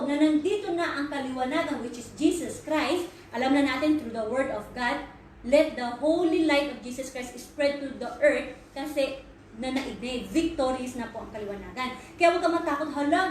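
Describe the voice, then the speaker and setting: Woman preaching, high voice, lots of echo, sounds far off from the mic. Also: a little hiss or hum. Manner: earnest, mixes English and Filipino, rhetorical questions. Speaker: Bible study speaker. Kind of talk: Taglish sermon. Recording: very echoey room, voice far from mic.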